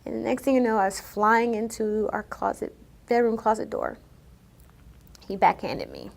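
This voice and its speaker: Soft-spoken woman recounting her story. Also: mid-range voice, wildly swooping pitch, moderate pace, creaky. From United States. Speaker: interviewee telling her story. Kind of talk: personal account in a news interview.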